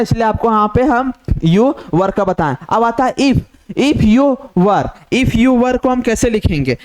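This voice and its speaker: A man teaches at a steady, patient pace, walking through each point and repeating it. His voice sits high for a man and comes through smooth and clear. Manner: repetitive, step-by-step explaining, mixing English terms into Hindi. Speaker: shorthand teacher. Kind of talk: whiteboard tutorial.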